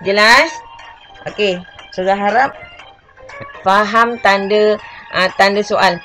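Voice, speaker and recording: A woman's voice: mid-range voice, fairly bright tone, poor audio. A woman teacher with a Malaysian Malay accent giving an online classroom lesson, patiently repeating key points and asking her pupils questions. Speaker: religious schoolteacher.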